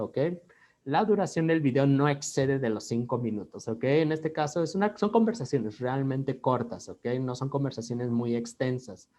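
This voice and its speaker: A man with a Mexican Spanish accent teaches an English class online, moving between Spanish and English and adding "ok?" after almost every phrase. His voice is mid-range with a darkish tone.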